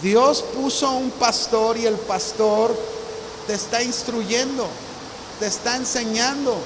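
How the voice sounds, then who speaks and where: A man's voice: very high-pitched, fairly even intonation, slow. A man around sixty, preaching a sermon as a visiting pastor in an earnest storytelling manner. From Mexico. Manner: earnest storytelling, acts out remembered dialogue. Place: church hall. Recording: reverberant hall with faint hiss.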